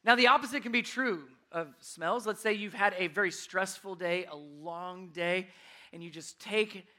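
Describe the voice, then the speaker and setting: A man in his thirties preaching a sermon, telling stories with animated swings in his voice. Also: high-pitched, moderate pace. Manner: animated storytelling, voice rising when worked up. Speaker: pastor.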